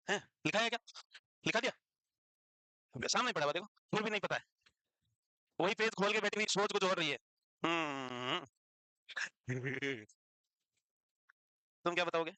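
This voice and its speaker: A man's voice: sits high, pushed and bright, no room sound, rough recording. A male teacher, lecturing a class and teasing and scolding students as he quizzes them.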